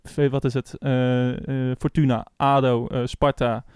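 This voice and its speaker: Halting man, dry sound. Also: mid-range voice, little pitch movement, a little mellow, smooth, dry recording. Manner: halting, many restarts and fillers. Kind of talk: casual chat.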